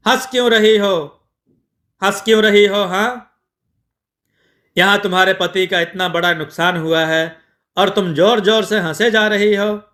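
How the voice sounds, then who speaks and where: A man voicing a greedy middle-aged moneylender who frets and pleads, in a slow, bright voice. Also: high-pitched, voice pushed up. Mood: indignant. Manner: fretful, pleading, then remorseful.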